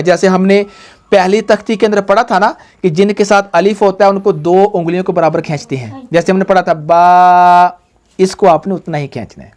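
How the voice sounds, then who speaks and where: A man's voice: high-pitched, a little mellow. A man teaching Quran reading to a child and to viewers. He drags the letter sounds out in a sing-song way and keeps checking "all right?". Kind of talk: tajweed lesson, call and repeat with a child.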